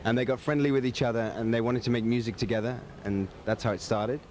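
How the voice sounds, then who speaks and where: A man in his twenties, born in London, telling a story in a relaxed interview. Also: mid-range voice, fast talker, a little hiss or hum. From England. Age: 20s. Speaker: pop singer. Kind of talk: casual interview answers.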